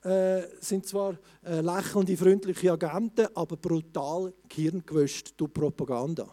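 A man preaching a sermon in a colloquial way, often restarting his sentences and rising to loud exclamations. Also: sits high, steady tone, unhurried.

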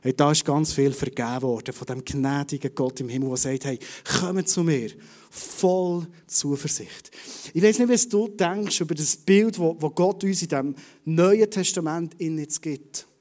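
A man preaching a conversational sermon in a Swiss German accent, swinging between loud bursts and hushed asides. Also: on the high side, moderate pace. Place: church service.

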